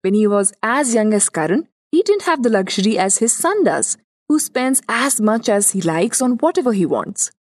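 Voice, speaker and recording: A woman's voice: a little high, sing-song, normal speed, darkish tone, no echo, clean studio sound. A woman with a North Indian accent hosting and narrating a scripted story, chattily addressing the listener. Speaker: host and narrator.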